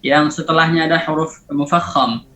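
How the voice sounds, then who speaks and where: A man teaching a tajwid lesson, explaining pronunciation errors and repeating example words slowly to demonstrate them. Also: on the high side, steady tone, pushed and bright, highs cut off, a little hiss or hum. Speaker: Quran recitation teacher.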